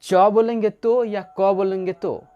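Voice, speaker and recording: A man's voice: high voice, fairly even intonation, unhurried, smooth, lo-fi sound. A man teaching an English grammar lesson, explaining playfully and acting out little stories as he goes. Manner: playful, asks rhetorical questions, tells little stories.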